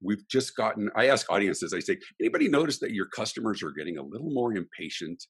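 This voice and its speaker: Middle-aged man, podcast guest, low husky voice, swooping lively delivery, emphatic and ranting. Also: fast talker. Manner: emphatic and ranting, with vivid examples. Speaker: podcast guest, customer experience speaker. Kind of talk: animated interview talk.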